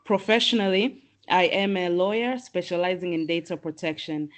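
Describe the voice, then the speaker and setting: A woman from Tanzania hosts an online professional webinar, her voice a little low. She speaks in a measured, welcoming way, pausing with the odd "um". She sounds like she is on a computer mic during a video call. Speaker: host and moderator. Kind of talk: formal webinar hosting.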